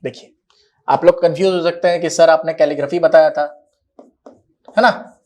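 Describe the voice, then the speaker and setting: A male teacher giving a recorded lecture, explaining patiently, repeating key words slowly and often asking whether students are following. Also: on the high side, steady tone, a little mellow. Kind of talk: recorded classroom-style lecture.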